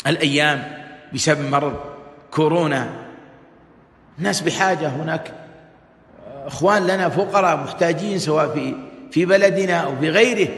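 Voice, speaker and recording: A man's voice: high-pitched, a bit bright. A man giving a religious lesson as preacher, repeating texts and explaining them with rhetorical questions. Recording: echoey hall with long reverb.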